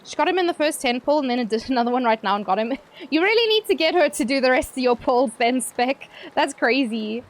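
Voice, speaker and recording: A woman's voice: high-pitched, animated, fairly quick, low-quality recording. A young woman streamer chatting casually with her viewers while gaming, playful and teasing, laughing often.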